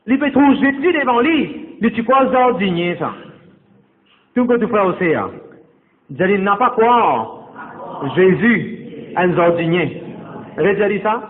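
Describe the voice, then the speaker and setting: A male pastor with a high, expressive voice preaches unhurriedly in church, pausing often and mixing in English words. He repeats phrases and addresses the congregation directly with exhortation, while the sound is tinny and echoey as in a church hall.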